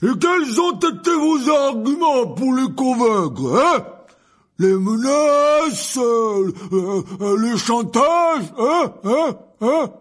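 A man voicing a huge, hot-tempered shaggy gamekeeper who bellows in slow, emphatic words. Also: extremely high pitch, animated, pitched above the performer's own voice, heavily acted. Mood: furious.

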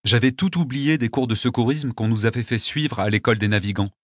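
An audiobook narrator, a man with a mid-range voice, reads a scripted story in a steady, measured manner. The recording is clean studio audio without room sound.

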